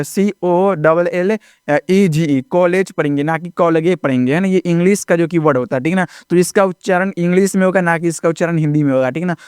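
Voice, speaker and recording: A man's voice: a little high, clean tone, dry recording, studio quality. A man teaching a video lesson in speech, often repeating himself and checking in with his students. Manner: repetitive, keeps checking in with the audience.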